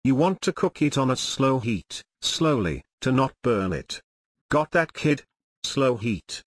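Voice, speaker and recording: A man's voice: mid-range voice, sing-song, unhurried, dry recording. A man giving crude, brash comedic commentary while playing a video game. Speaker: gameplay commentator.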